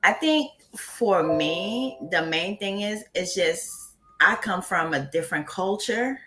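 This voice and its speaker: A woman's voice: mid-range voice, animated, slow, fairly bright tone, faint music behind. A woman from Haiti, a guest in a casual interview, who talks bluntly and candidly and laughs often.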